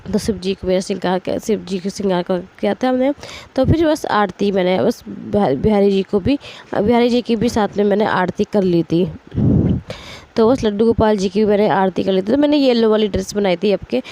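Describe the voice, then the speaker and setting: A woman in her thirties with a hoarse, strained voice from a cold, chatting casually as she narrates her household day. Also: mid-range voice, moderate pace, dark tone. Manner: chatty, rambling, straining her throat to speak. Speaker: vlogger, homemaker. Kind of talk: casual voice-over narrating daily routine.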